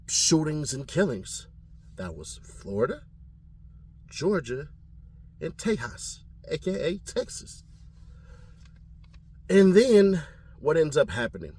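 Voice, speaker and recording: A man from California giving casual commentary on his channel, animated and slangy, often laughing. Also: fairly high pitch, husky. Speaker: commentary vlogger.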